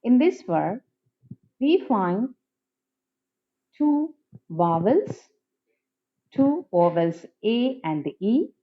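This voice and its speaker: Slow, lively-pitched woman teaching phonetics. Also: narrow, tinny audio. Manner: slow and deliberate, repeating each example word. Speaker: English teacher. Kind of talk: phonetics lesson.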